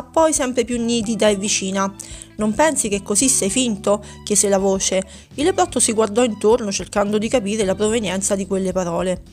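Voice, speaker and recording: A woman narrating a children's story in a steady, gentle storytelling manner. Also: medium pitch.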